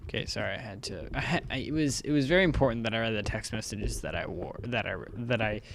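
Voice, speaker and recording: A man's voice: on the low side, fast talker. A young man hosting a gaming video, rambling casually through gameplay commentary and often correcting himself mid-sentence on a desktop mic at home. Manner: rambling, self-correcting, chatty. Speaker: gaming channel host. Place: home room with a fan running. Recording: faint background fan noise.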